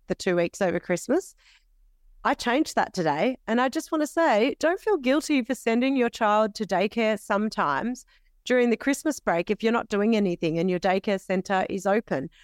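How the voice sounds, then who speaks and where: A pregnant woman, co-hosting a podcast in casual chat, laughing often and agreeing warmly. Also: mid-range voice, clear, resonant tone, dry recording, studio quality. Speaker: podcast co-host.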